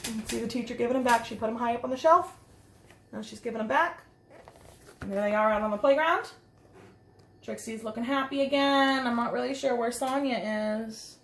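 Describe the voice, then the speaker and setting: A woman's slightly high voice moves a little fast as she reads a picture book aloud to young children, with expressive delivery, casual asides and simple explanations. She teaches preschool, and the echoey recording has slight background noise.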